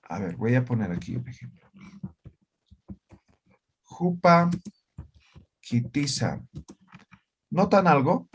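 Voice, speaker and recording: A man leading a virtual language class, walking students through grammar points one by one. He talks in a plain, middle-pitched voice. He checks in often with short questions to make sure everyone follows. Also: very animated, slow pace, pauses often, breathy edge, muffled recording. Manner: explanatory, checks understanding with frequent "¿ya?" and "¿no ve?". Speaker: Aymara language teacher. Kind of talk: online class lecture.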